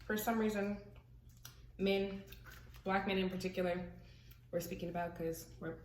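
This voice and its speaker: A woman's voice: medium pitch, steady tone, normal speed, darkish tone. A young woman hosting a channel, chatting casually and animatedly over a mukbang, often laughing as she talks. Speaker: channel host. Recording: echoey room, distant mic, faint hiss.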